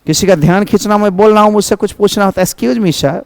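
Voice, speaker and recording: A man's voice: high-pitched, brisk, vocal fry, no room sound. A man teaching English phrases in Hindi, going over each phrase and glossing it, and calling his students his children. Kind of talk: spoken English lesson in Hindi.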